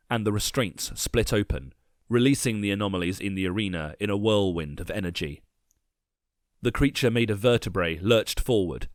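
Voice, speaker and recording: A man narrating a dark first-person story with measured, grim delivery. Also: fairly low pitch, no room sound, studio quality.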